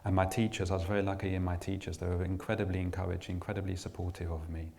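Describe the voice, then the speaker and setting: Speaking to an audience as an invited guest, a middle-aged man from England reflects on personal matters, often starting his sentences over and dropping in fillers. He has a low, gravelly, somewhat mellow voice that barely moves in pitch and races along.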